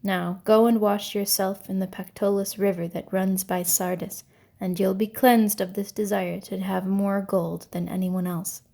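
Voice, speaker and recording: A woman voicing an indulgent male god in a storybook myth, measured and gently admonishing. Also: medium pitch, level tone, creaky. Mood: forgiving, stern.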